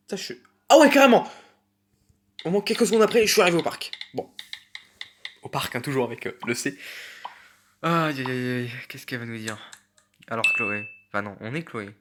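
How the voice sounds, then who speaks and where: Male gaming YouTuber, sarcastic and exclaiming, with a lively, swooping pitch. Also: slight background noise. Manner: sarcastic, exclaiming, mocking the spelling mistakes; reads the in-game messages aloud in a flat voice. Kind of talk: casual commentary reading a chat story game aloud.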